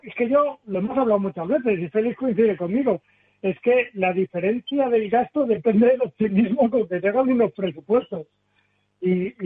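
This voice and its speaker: Blunt high-voiced man on a tinny line. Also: slightly rough. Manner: frank, blunt, conversational. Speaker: automotive sector commentator. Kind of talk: radio panel discussion. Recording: tinny phone-like radio line.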